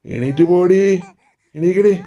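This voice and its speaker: Grumpy nagging old grandmother, acted by a man; slow, slightly high, sharp tongue. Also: muffled recording. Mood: scolding. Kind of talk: doll story voice acting.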